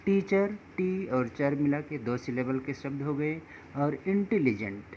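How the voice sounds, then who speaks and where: Slow, patient male teacher. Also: a little high, lively intonation, a little mellow, slight background noise. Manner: slow, patient, addresses viewers as friends. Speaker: English teacher. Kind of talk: explaining pronunciation rules.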